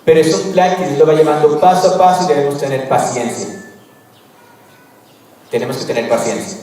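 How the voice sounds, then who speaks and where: A man's voice: on the high side, brisk, warm tone, slight background noise. A man giving a spiritual retreat talk, telling his stories in a candid, conversational way. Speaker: retreat speaker. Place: large retreat hall. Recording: echoey hall, voice far from mic.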